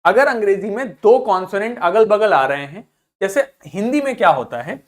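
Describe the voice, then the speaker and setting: A male English teacher giving a video lesson in Hindi, who asks questions, answers them himself and repeats example words slowly. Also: high voice, lively intonation.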